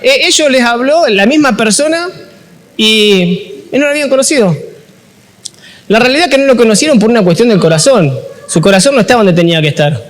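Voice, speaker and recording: Chatty Argentine preacher in a reverberant hall. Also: male voice, very high-pitched, animated, brisk. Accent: Rioplatense Spanish. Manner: chatty, jokey, asks the audience questions. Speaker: youth ministry speaker. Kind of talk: informal sermon at a workshop.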